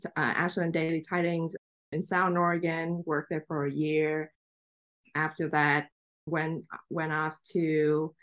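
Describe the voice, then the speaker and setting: Chatting reflectively and laughing lightly, a young guest journalist from Vietnam, a native Vietnamese speaker, shares her story in a relaxed interview. She has a low voice that's a bit bright.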